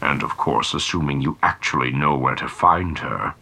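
A man voicing a desperate male Sith high lord whose helmet gives his voice a droning sound, often hushed and whispery. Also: moderate pace, creaky, full character voice. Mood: menacing hush. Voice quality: droning through a helmet voice box. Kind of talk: audiobook character voice.

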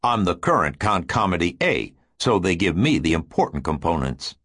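A man voicing a surly, cold-hearted grown man who talks low and mutters. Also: big pitch swings, moderate pace, a bit bright, slightly rough, no echo, studio quality, exaggerated voice. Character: surly, cold-hearted male weapons expert.

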